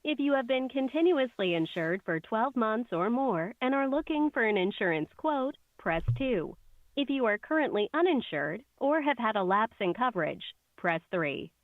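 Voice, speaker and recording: A woman's voice on a recorded phone menu message, reading scripted prompts in an even, measured way. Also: on the high side, no room sound. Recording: tinny dry phone line.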